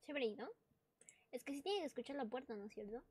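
This female gamer talks fast in a high, husky voice with a darkish tone, full of animation. She's giving relaxed commentary on a horror game, chatting away, startling easily, and breaking into screams and jittery laughs.

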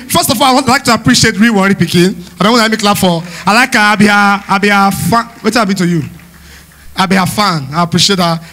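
A man from Delta State with a Nigerian Pidgin accent, doing loud, playful live stand-up at a church event. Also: sits high. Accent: Nigerian Pidgin English. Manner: loud, playful, teasing the crowd, often shouting and laughing. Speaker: stand-up comedian. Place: church hall stage.

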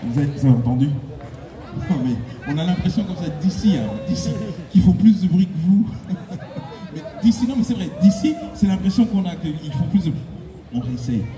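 Over loud music, a very animated singer with a high voice speaks a little quickly, hosting a concert on a large convention hall stage. He jokes and teases, laughing often while pushing the crowd on. Filmed from the audience, his handheld mic echoes far off through the PA as the crowd cheers loudly.

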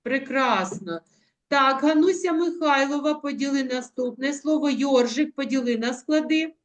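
Вчителька молодших класів, висока ласкава мова, розтягує слова, урок по відеозв'язку. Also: female voice, high-pitched. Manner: affectionate, coaxing, uses diminutives; slow, drawn-out word modelling. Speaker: primary school teacher. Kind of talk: online class teaching. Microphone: video call.

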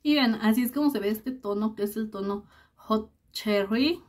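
A woman's voice: a little high, moderate pace, very noisy. Chatty woman vlogger with lots of fillers. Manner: chatty, full of fillers and diminutives. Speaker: beauty vlogger. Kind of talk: casual lipstick review vlog.

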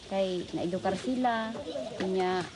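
A woman's voice: medium pitch, takes it slowly, crowd noise. A woman from the Philippines, a co-op member, telling her story in a documentary interview in short, plain phrases.

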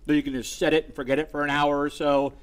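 A man's voice: on the high side, little pitch movement, quick pace, clean tone. A man, a chef leading a cooking demonstration with upbeat, enthusiastic chatter to his viewers. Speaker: chef cooking on a live show. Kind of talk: live cooking demo chat.

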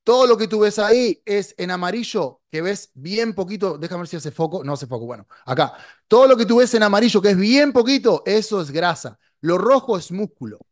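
Speaking into a podcast mic on a boom arm in a small, dark studio, a Latin American man in his forties who coaches online marketing gives a blunt, emphatic motivational talk to camera, mixing in English words. His high-pitched voice is animated and fairly quick, and the sound is dry.

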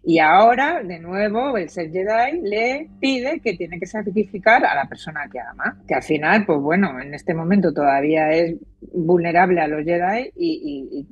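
A woman with a Spain Spanish accent speaks as a psychologist guest in casual, explanatory chat. Her voice is husky and breathy. The recording is dry and dull, with a lo-fi tone. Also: on the low side, expressive, moderate pace, no echo. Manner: explanatory, many restarts, laughs easily.

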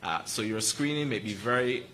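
Bright-voiced man explaining. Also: mid-range voice, slight background noise, rough recording. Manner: explanatory, quick asides with laughs. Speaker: medical school panelist. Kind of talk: press conference answers.

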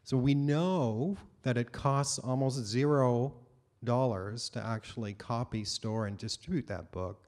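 A middle-aged man giving a conference keynote on a large auditorium stage, speaking into a handheld microphone in a measured, explanatory way with occasional fillers. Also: fairly low pitch, a little mellow.

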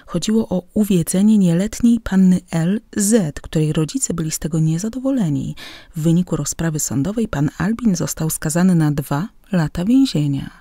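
Mellow-voiced woman reading an audiobook. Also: lowish voice, dry recording, studio quality. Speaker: audiobook narrator. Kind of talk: scripted audiobook narration.

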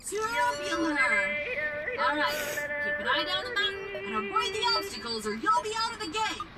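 A woman's voice: very high voice, animated, moderate pace, over loud music. A woman voicing a chirpy, cheerful robot guide in a video game who talks with bubbly surfer-style enthusiasm. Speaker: game robot host character.

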